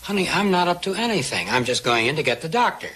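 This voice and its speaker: A man's voice: on the high side, very animated, fast talker, pushed and bright, husky, heavily acted. Anxious, pleading American western father. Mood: alarmed, baffled. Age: middle-aged. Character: anxious, gentle, pleading father of a grown daughter. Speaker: actor in a TV western. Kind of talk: 1960s television western acting.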